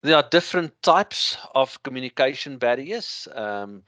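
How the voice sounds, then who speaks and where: A man with a thick Afrikaans accent lecturing through slides, explaining in a halting way with everyday examples. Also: mid-range voice, lively intonation, pushed and bright, no room sound.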